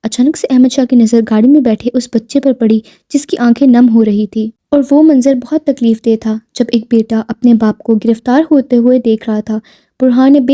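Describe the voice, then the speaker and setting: Brief: woman storyteller, mellow and dark-toned, fairly high pitch, steady novel reading. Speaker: novel reader. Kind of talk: storybook narration of a romance novel.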